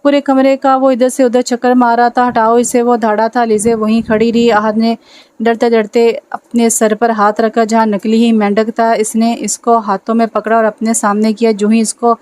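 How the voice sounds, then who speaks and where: A woman reading a romance novel aloud in steady, even narration. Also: fairly high pitch, normal speed, smooth, no room sound, poor audio. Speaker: novel reader.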